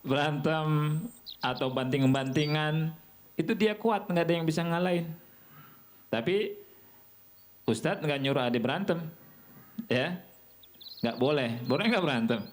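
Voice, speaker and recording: A man from Indonesia teaching a religious lesson to children, asking them questions and answering them himself in an animated way. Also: fairly high pitch, unhurried, long pauses.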